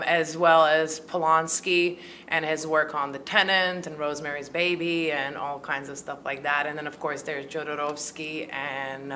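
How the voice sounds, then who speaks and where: Chatty low-voiced woman filmmaker, Croatian-born. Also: bright, forceful tone, slight background noise. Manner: chatty, many fillers like "kind of" and "um". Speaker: filmmaker and actor. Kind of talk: casual interview answers. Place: small room at a film festival. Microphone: handheld mic held by interviewer.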